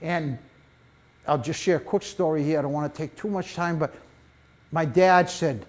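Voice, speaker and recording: An older man giving a public talk on beekeeping in a library meeting room, an animated storyteller with folksy asides, speaking on a lapel mic. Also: fairly high pitch, moderate pace. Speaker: beekeeping presenter.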